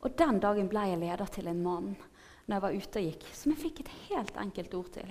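Woman, 30s, earnest testimony speaker, lively, laughs easily, mid pitch. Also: a little hiss or hum. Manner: earnest, animated, laughs often, asks "sant?". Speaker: preacher giving testimony. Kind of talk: personal testimony talk.

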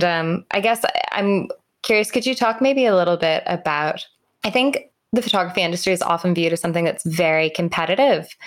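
A woman podcast host introducing her guest and asking questions in a conversational way, hedging with fillers. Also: lowish voice.

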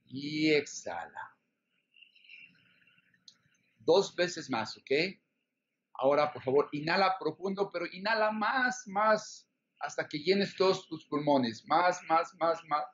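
Man slowly counting breaths, higher-pitched, muffled audio. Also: expressive, a bit bright. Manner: slow breath counting with repeated short commands. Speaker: breathing instructor. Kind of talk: guided breathing exercise. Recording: dull, lo-fi sound.

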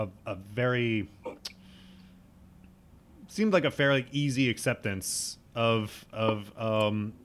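A man interviewing in casual conversation, asking thoughtful questions with hesitant restarts. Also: medium pitch.

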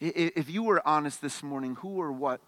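A man preaching a sermon as pastor, conversational, stumbling over repeated words, swinging between loud emphatic bursts and quiet questions. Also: fairly high pitch, fairly quick, no echo.

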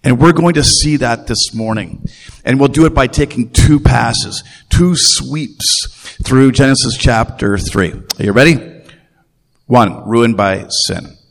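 Gravelly-voiced man preaching in a hall. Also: mid-range voice. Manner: conversational, repeats phrases, asks the congregation questions. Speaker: pastor. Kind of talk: sermon. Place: church. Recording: long reverb of a church hall.

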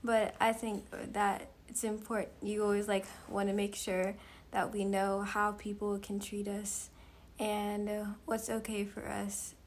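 A woman's voice: mid-range voice, monotone, a little slow, hardly any pauses, slight background noise. A young woman talking with her mother, hesitant and full of fillers, trailing off into whispers. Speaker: daughter. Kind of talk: casual conversation.

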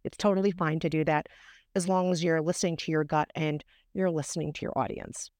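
A woman's voice: sits low, steady tone, a little fast, darkish tone, dry recording, clean studio sound. A woman podcast guest explaining things in an emphatic, encouraging way, repeating words for emphasis. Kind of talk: explanatory interview talk.

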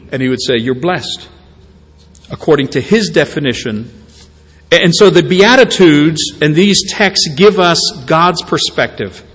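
A man preaching with a somewhat high voice, talking to his congregation in an easy, conversational way. He stumbles and restarts his sentences now and then and pokes fun at himself. His voice carries a long reverb from a large hall. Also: fairly bright tone. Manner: conversational, stammering restarts, self-deprecating. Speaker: pastor. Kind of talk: sermon.

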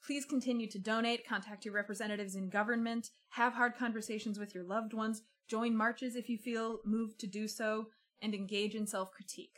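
A woman's voice: fairly high pitch, steady tone, a little fast, hardly any pauses, a bit bright. A woman hosting a conversational history podcast, speaking in an earnest, appreciative way. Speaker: podcast host.

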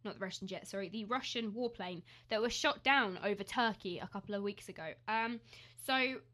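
A woman's voice: mid-range voice, fairly quick, bright, forceful tone. A young woman co-hosting a casual news podcast, chatty with lots of ums and giggles. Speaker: podcast co-host.

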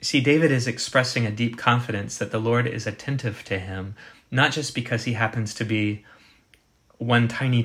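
Man preaching a measured sermon. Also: lowish voice, fairly bright tone. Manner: measured, emphatic, slows on quoted scripture. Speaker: pastor.

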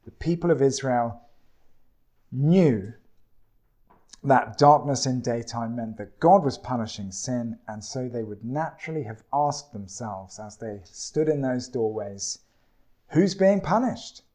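A man preaching a sermon in a slow, deliberate way, with dramatic pauses. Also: mid-range voice, warm tone.

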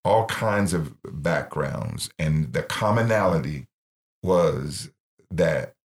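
A man's voice: rumbling low, lively intonation, takes it slowly. A middle-aged man, founder of a ministry, earnestly telling his life story in an interview and acting out the voices he quotes. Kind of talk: personal testimony in interview.

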